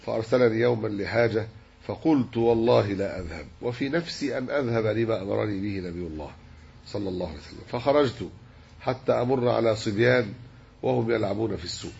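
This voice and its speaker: A man teaching a religious lesson, measured and explanatory as he works through a hadith commentary. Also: fairly low pitch, vocal fry, a little mellow, husky. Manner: measured, explanatory, dwells on word forms. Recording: dull lo-fi recording with faint hiss.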